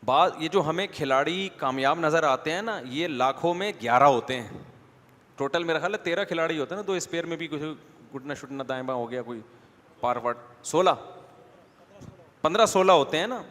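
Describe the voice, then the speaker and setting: A man's voice: fairly high pitch, animated, fairly bright tone. A man preaching an Islamic lecture in a conversational way, putting rhetorical questions to his listeners. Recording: long hall reverb.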